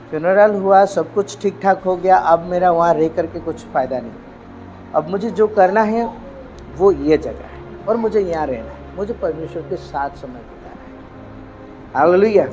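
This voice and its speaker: A male pastor from India preaching a sermon emphatically, with frequent hallelujahs and swings between loud and hushed delivery. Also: high voice, dull audio.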